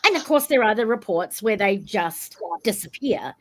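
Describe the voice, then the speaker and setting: A woman's voice: mid-range voice, lively intonation, normal speed. A woman with a New Zealand accent hosting a casual podcast discussion in a chatty, informal way. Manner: chatty, informal, greets in Maori. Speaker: podcast host.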